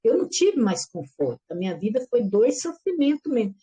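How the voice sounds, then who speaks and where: A middle-aged woman giving a lively personal religious testimony, acting out the voices in her story and calling her listeners brothers and sisters. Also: fairly high pitch, brisk, slightly rough. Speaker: church member giving testimony.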